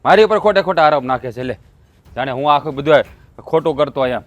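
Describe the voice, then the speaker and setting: An actor playing a short-tempered, defensive elder brother and farmer, speaking with a Kathiawadi Gujarati accent. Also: male voice, on the high side, no echo, lightly acted. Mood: grumbling. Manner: defensive and quick to snap. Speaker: elder brother in a land feud. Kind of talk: rural family drama acting.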